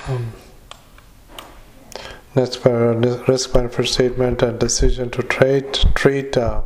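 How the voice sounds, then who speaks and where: A man dictating a patient note into a dictaphone, halting with many fillers and reading out punctuation and paragraph breaks. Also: mid-range voice, little pitch movement, darkish tone, a little hiss or hum. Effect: dictaphone recording. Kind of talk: medical dictation into a recorder.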